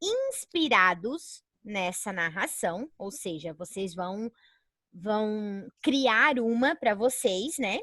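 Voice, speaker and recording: A woman with a mid-range voice and big pitch swings leads an online lesson slowly, sounding a bit bright, with a Brazilian accent and no room sound. Chatty throughout, she frequently adds a questioning "né?" and speaks of herself as "a professora."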